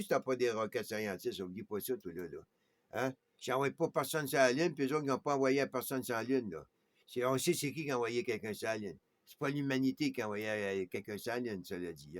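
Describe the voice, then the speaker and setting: A man with a Québécois accent talks on and on in a restless, excitable ramble, leaping between thoughts. His voice sits a little high for a man and the sound is close and dry, with no room around it. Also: no room sound. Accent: Québécois French. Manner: excitable, rambling, jumps between ideas, frequent "man" and "hein". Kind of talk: rambling monologue to camera.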